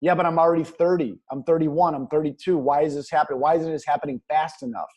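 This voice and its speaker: A man's voice: fairly high pitch, steady tone, quick pace, a little mellow, husky. A man speaking as a guest business coach, talking in an earnest, motivational way and leaning on pet phrases. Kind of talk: motivational interview talk.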